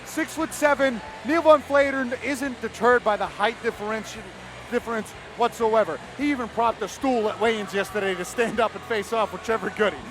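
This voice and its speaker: High-voiced excitable male fight commentator. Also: brisk. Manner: excitable, hyped, emphatic. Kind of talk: live MMA commentary. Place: cageside at a live fight event. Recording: noisy live venue ambience.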